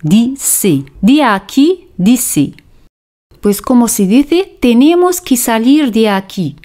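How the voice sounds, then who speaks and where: Slow, deliberate woman teaching French. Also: a little high, big pitch swings, mellow. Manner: slow, deliberate, repeats phrases for drilling. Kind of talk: slow scripted language lesson.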